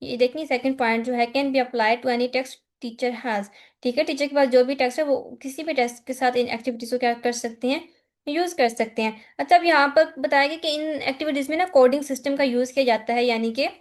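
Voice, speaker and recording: Woman, Pakistani accent, high voice, online tutor, exam-prep lecture, reads points then explains, frequent check-ins. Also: steady tone, fairly quick. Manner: mixes Hindi-Urdu with English terms, reads slide points then explains them.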